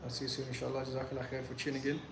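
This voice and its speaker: Speaking very fast in a monotone, mid-range voice, this young Pashto-speaking man runs a casual phone Q&A in Medellín, Colombia. He answers the chat loosely, full of "like" and false starts, in an echoey room with clear background noise, including crowd noise.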